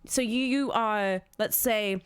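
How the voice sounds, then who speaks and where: A woman co-hosting a podcast in casual chat, rambling excitably and restarting her sentences. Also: mid-range voice, takes it slowly, clean tone. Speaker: podcast co-host.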